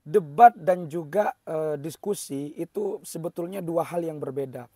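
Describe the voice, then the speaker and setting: A slightly hoarse man hosting an explanatory commentary, talking in a measured way with frequent hesitation fillers. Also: on the high side, mellow, faint music behind. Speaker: host.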